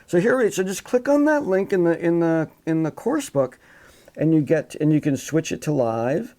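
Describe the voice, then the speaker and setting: A man's voice: on the high side, sing-song, moderate pace, darkish tone. A man teaching a live online psychology class, talking casually into his computer microphone with frequent restarts and asides. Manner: casual, rambling with restarts, demonstrates sounds with his voice. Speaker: psychology instructor.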